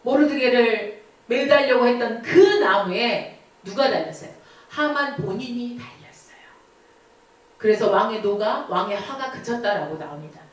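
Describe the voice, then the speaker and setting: Woman youth preacher, storytelling sermon, high lively voice, echoey church hall. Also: moderate pace, recorded from a distance. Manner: animated, asks the listeners questions.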